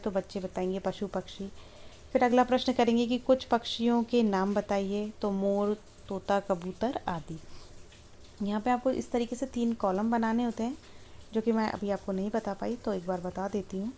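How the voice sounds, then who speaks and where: Woman tutor going through a lesson plan step by step, mellow voice, patient, bit of room hum. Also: medium pitch. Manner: patient, methodical, walks through each item in turn. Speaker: teacher-training tutor.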